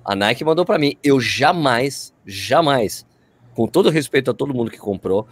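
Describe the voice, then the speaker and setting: A man's voice: mid-range voice, animated, moderate pace. A man with a Brazilian Portuguese accent chatting casually as a guest, telling stories in slangy everyday speech. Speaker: running video creator, interview guest. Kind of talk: casual chat.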